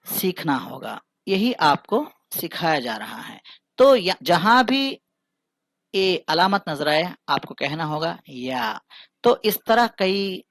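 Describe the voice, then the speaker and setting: A man teaching English pronunciation who asks the listener questions, answers them himself, and drills each word slowly by repeating it. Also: fairly high pitch, a bit bright, dry recording. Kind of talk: recorded pronunciation lesson.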